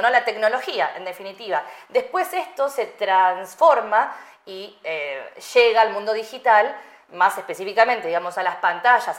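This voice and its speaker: A woman answering interview questions, explaining step by step and thinking aloud with examples. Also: mid-range voice. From Argentina. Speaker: guest, UX designer. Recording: echoey room.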